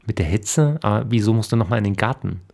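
A nagging older wife in a storybook who questions everything again and again, as a male reader puts her on. The voice stays low and gravelly, with a fast, needling pace. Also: lively intonation, a little mellow.

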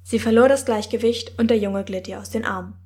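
A woman narrating a first-person fantasy audiobook in a wry, measured manner. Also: a little high, fairly even intonation, darkish tone.

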